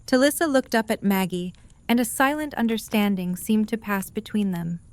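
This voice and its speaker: A woman narrates an audio drama, reading scripted story passages at a moderate pace in a medium-pitched voice.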